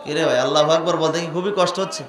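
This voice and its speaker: A man preaching a sermon, swinging from quiet questions to loud chanted outbursts and urging the crowd to answer louder. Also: a little high, rapid-fire, noisy background. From Bangladesh. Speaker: preacher at a religious gathering. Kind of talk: impassioned Islamic sermon with sung passages. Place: large religious gathering. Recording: echoey venue with faint music.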